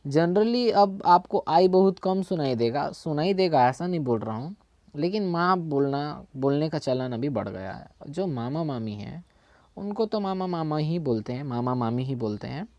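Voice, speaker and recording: A man's voice: on the high side, expressive, measured pace, darkish tone, no room sound, dull audio. A man with a Chhattisgarhi Hindi accent teaching a language in a casual spoken lesson, often checking in and correcting his own slips. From India.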